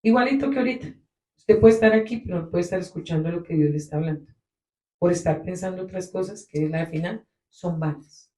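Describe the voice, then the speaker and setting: A woman preaching a sermon to her congregation. She talks with emphasis, swelling and dropping her loudness to stress her points. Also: on the low side, fairly quick. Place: congregation meeting room. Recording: echoey room.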